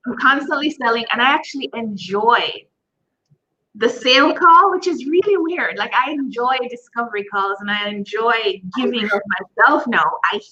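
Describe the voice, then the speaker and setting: A woman's voice: fairly high pitch, normal speed, bright, forceful tone, lo-fi sound. A woman hosting an interview, talking candidly and self-deprecatingly about her own past. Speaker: podcast host. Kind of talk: conversational interview.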